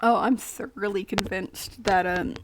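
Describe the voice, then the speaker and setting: A woman's voice: mid-range voice, steady tone, a little slow, noisy background. An American woman reading a novel aloud on a live stream, often stumbling over words, laughing and breaking off to chat. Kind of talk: casual read-aloud with chat. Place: home streaming setup.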